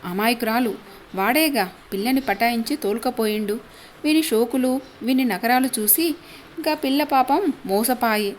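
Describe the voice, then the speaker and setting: A woman voicing a stern, gruff middle-aged village father who scolds. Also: fairly high pitch, normal speed, slight background noise, natural voice. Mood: angry.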